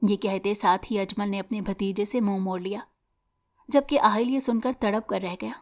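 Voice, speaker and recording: A woman narrating a dramatic novel as scripted storytelling, steady and even. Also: medium pitch.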